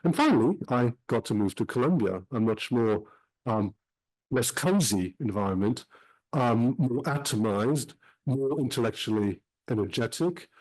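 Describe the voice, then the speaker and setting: A middle-aged man speaks at a middle pitch, giving an academic talk. He weighs his words, filling the gaps with frequent ums. His delivery is careful and reflective. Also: animated, a little mellow, low-quality recording. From Switzerland. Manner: measured, frequent um pauses. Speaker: historian giving a talk about his book.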